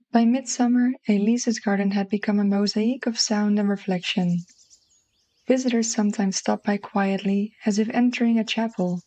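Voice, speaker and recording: Female story narrator, Dutch accent, soft and mellow delivery, mid-range pitch, very dry close sound. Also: no echo, poor audio. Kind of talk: scripted literary short story narration.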